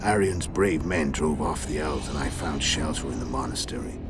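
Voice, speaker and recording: In a video game cutscene, a man voices a villain: a hulking, world-weary assassin who is calm, cunning and unrepentant. His very deep, gravelly bass rumbles through measured, matter-of-fact storytelling laced with dry irony, in a calm, wry mood. Background music plays underneath.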